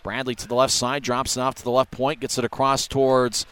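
A man giving rapid hockey play-by-play commentary as a game commentator, ready to burst into shouts on big chances. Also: medium pitch, monotone, smooth, faint music behind.

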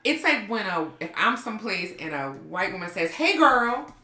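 A woman hosting a podcast in casual chat, talking emphatically in quick short bursts. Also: lowish voice, lively intonation, bright, forceful tone. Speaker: podcast host. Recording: echoey room.

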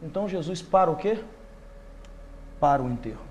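A male preacher, delivering an impassioned sermon that swings from loud bursts to hushed intensity. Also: a little high, lively intonation, normal speed, a little hiss or hum.

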